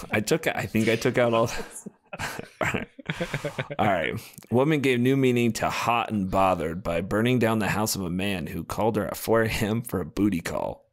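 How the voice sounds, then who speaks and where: A man's voice: lowish voice, wildly swooping pitch, unhurried. A man co-hosting a casual podcast, reading odd news stories aloud in a jokey way and laughing between sentences. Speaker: podcast co-host.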